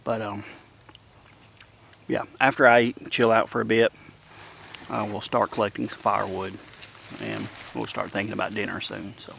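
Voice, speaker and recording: A man chatting casually to his viewers at a woodland campsite, relaxed and talkative as he sets up and snacks. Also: lowish voice, normal speed, gravelly, long pauses, slight background noise. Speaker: outdoor vlogger. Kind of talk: casual camping vlog chat. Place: outdoors in the woods at a campsite.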